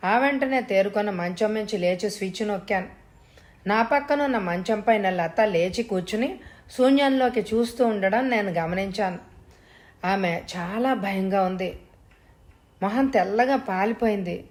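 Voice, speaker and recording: A woman narrating a suspense story in the first person with a measured, steady manner. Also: mid-range voice.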